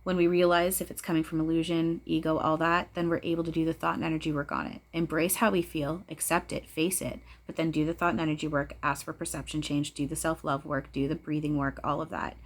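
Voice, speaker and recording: Emphatic, blunt woman with a lowish voice. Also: flat delivery, quick pace, few pauses. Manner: emphatic, blunt, sweary, preachy; repeats phrases for emphasis. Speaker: spiritual channeler speaking to viewers. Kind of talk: casual spiritual talk to camera.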